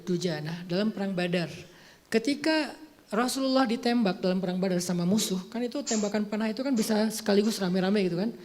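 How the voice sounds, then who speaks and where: A man's voice: sits high, a little mellow. A man in his forties from Aceh, preaching in an informal, chatty storytelling way. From Aceh, Indonesia. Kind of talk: casual conversational sermon.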